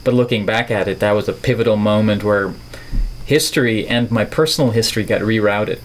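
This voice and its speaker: A middle-aged Dutch artist and filmmaker speaks as a podcast guest in a neutral American accent. His lowish voice moves a little fast over slight background noise, and he's reflective and playful, with wordy phrasing.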